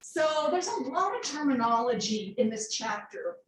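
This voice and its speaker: A woman's voice: high voice, sing-song, normal speed, a little hiss or hum. Woman, nursing instructor, casual lecture style, fillers and asides, roomy distant classroom recording. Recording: roomy classroom audio from far off.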